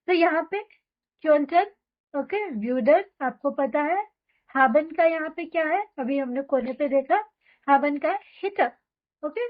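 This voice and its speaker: A woman teaching a German lesson, explaining quickly and then reading example sentences very slowly for learners to repeat. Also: high-pitched, muffled recording. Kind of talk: spoken language lesson with drills.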